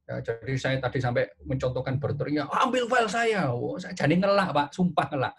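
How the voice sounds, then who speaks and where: A man gives an animated online webinar talk from home over a video call, tagging his sentences with "ya". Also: mid-range voice, fairly quick, gravelly, breathy edge. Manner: animated, many filler "ya" tags. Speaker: webinar speaker and trainer. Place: at home, bed behind him.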